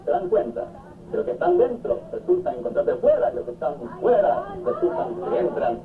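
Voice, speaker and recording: A man preaching a sermon, telling the story with drama and jumping high on his exclamations. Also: huge pitch swings, a little fast, a crowd in the background. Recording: tinny lo-fi 1970s recording with faint noise.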